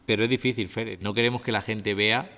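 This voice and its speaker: A man's voice: on the low side, steady tone, a little fast, sharp tone, long reverb tail. A man, co-hosting a podcast, who politely cuts in with questions and objections. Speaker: podcast co-host. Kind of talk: conversational podcast talk.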